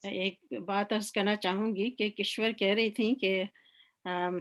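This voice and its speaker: A woman's voice: mid-range voice, fairly even intonation, measured pace. Reflective woman recalling old poetry evenings. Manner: reflective, nostalgic. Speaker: guest at a poetry gathering. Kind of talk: reminiscing and quoting couplets.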